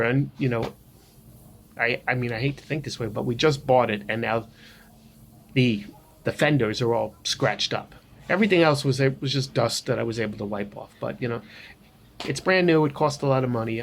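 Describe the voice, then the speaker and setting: An older man telling a personal story in a casual vlog, rambling with frequent pauses and restarts. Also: medium pitch, gravelly, slight background noise. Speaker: vlogger.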